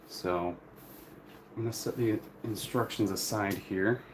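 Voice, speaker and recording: A man's voice: fairly low pitch, unhurried. A man hosting a casual, unscripted live stream, talking in a rambling, apologetic way as he works with his hands. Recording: clear noise, crinkling plastic and paper. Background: crinkling bags and paper rustle.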